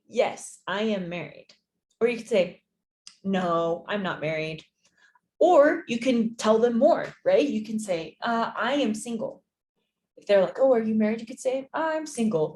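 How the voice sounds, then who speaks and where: A woman's voice: mid-range voice, a little mellow. A young woman teaching a beginner English lesson online, patient and repetitive, often checking with "right?". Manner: slow, patient, repeats phrases and checks with "right?". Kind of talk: distance-learning lesson.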